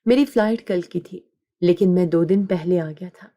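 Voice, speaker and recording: A woman's voice: on the low side, warm tone, highs cut off, natural voice. A woman voicing an indignant young husband confronting his family in a firm, bitter tone. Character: angry young husband, protective man.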